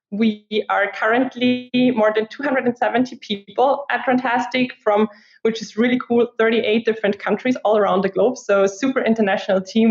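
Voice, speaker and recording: A woman in her twenties from Austria, a guest in a casual interview, chatty and full of "like" fillers. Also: a little high. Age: 20s. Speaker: guest, product marketer. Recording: echoey room, dull lo-fi sound.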